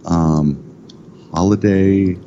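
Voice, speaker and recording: A middle-aged man with a deep, dark voice talks casually as a guest, rambling and stopping to correct himself. The recording is dull and muffled, with a faint hiss underneath. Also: very slow. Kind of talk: casual chat.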